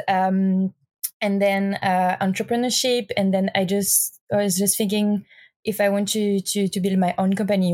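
A woman's voice: medium pitch, darkish tone, no echo, clean studio sound. A woman podcast host with a French accent, speaking English as a second language and asking questions with many restarts and hesitations. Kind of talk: casual interview.

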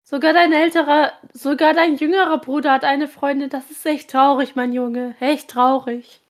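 A nosy, spiteful aunt who prods and provokes her nephew, as a woman reads her. The voice is very high and sharp-edged in its jabs. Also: fairly even intonation, fairly quick. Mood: prying. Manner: prying, provocative.

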